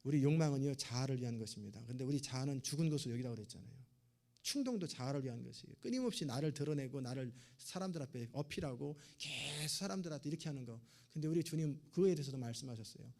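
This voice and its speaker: A man preaching in an easy, conversational way, his mid-pitched voice carrying a gravelly, fry-laden edge. He is a pastor, and he keeps voicing everyday exchanges as he talks to his congregation. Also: lively intonation, fast talker, a little mellow. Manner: conversational preaching, acting out little dialogues. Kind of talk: sermon.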